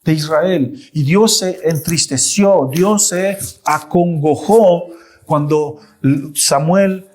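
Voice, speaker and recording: A man's voice: on the high side, slow, a little mellow. Emphatic man teaching the Bible. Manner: emphatic, repetitive, checks in with listeners. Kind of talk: sermon-style Bible lesson.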